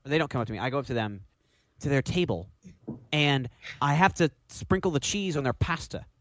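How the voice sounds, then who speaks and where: A man hosting a casual podcast with friends, excitable, often jumping in and restarting his sentences. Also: mid-range voice, brisk, no room sound, clean studio sound. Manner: excitable, jumps in and restarts, bursts into laughs. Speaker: podcast host. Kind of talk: casual chat.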